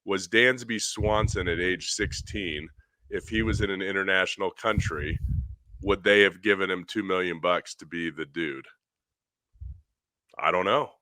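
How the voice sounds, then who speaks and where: A man's voice: sits low, unhurried, bright, forceful tone, no echo, clean studio sound. A middle-aged man co-hosting a podcast, rambling eagerly through a baseball swing breakdown. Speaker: podcast co-host, hitting coach. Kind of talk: casual podcast chat.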